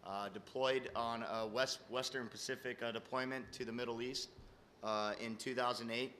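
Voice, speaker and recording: A man's voice: mid-range voice, steady tone, moderate pace, sharp tone, a little hiss or hum. A man in his twenties answering as a panelist, hesitant with many fillers. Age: 20s. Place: conference hall.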